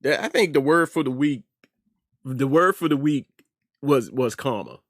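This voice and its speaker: A middle-aged American man, host of an online news commentary show, speaks with emphasis and repeats phrases for effect in an informal opinion piece. His medium-pitched voice is expressive and moves at normal speed. The clean studio audio has no echo.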